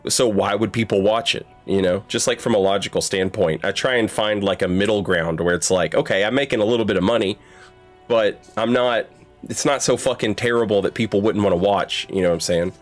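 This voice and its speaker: A game streamer hosts a livestream of a playthrough, chatting casually and swearing freely in a conversational way. His voice is fairly low and a little fast, with faint music in the background.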